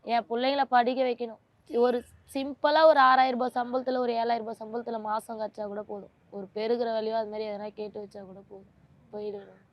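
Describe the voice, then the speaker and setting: A woman's voice: fairly high pitch, level tone, quick pace, no echo, lo-fi sound. A woman, a mother of two, speaks in an emotional interview in a pleading, aggrieved and insistent way.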